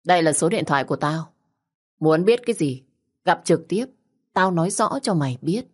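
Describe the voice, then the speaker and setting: A woman's voice: low-pitched, lively intonation, moderate pace, darkish tone, slightly rough. A woman voicing a mocking middle-aged male kidnapper who taunts and threatens bluntly, as a storybook figure. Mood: threatening.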